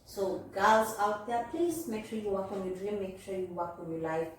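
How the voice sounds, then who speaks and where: A woman hosts a casual interview in an encouraging, chatty manner, often speaking straight to viewers. Her mid-pitched voice sits away from the mic in a heavily echoing space, with faint noise. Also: moderate pace. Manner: addresses viewers directly, encouraging. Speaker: interviewer, host. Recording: echoey room, distant mic, faint noise.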